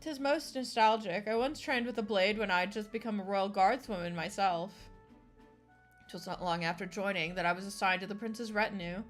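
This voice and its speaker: A woman's voice: mid-range voice, faint music behind, lightly acted. A woman reading aloud as a stern young female royal knight, speaking in formal, old-fashioned phrasing. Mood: solemn. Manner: formal archaic speech, measured. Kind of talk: reading game dialogue aloud.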